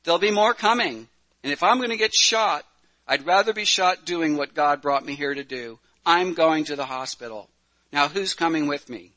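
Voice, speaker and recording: A man's voice: a little high, normal speed, bright, forceful tone. A man reading earnest young nurse Susan. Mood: resolute. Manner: earnest, resolute. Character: young woman nurse, steady and devout.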